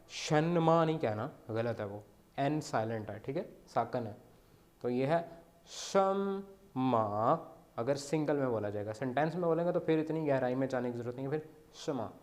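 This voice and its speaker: A man's voice: medium pitch, a little mellow. A man teaching beginner Chinese, who explains step by step and often checks in with his students. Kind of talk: beginner language lesson.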